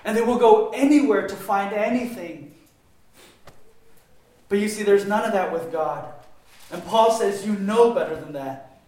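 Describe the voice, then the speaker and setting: A man preaching a sermon with passion, his voice swinging between loud emphatic stretches and quieter ones. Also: high-pitched, a little slow, long pauses. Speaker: pastor. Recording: very echoey room.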